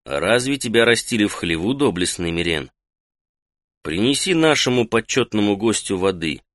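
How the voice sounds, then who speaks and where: A shrewd old mage with a calm, measured authority, as a male audiobook reader puts him on. The voice sits low and quiet, with a dry, close sound and no room around it. He speaks evenly, never needing to raise his voice. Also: dry recording. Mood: cool.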